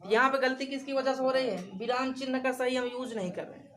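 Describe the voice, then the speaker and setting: A woman's voice: high-pitched, a little fast, fairly bright tone, rough recording. A woman teaching a grammar lesson for exam preparation, repeating examples and questioning her class.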